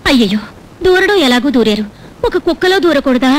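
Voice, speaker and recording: A woman's voice: high voice, animated, brisk, slight background noise. A woman playing a gullible, doting widowed mother in a comic film, talking in a melodramatic, fussing way. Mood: puzzled. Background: film score music.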